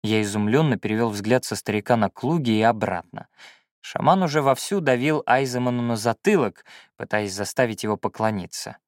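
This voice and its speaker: A man narrating a first-person fantasy audiobook in an expressive storytelling manner. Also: medium pitch, brisk, dry recording, clean studio sound.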